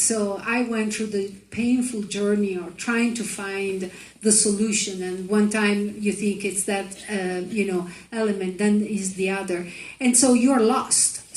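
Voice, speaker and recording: A woman who produced the film, answering on a panel in a hesitant way, searching for words. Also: medium pitch. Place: festival screening room. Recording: echoey room with faint noise.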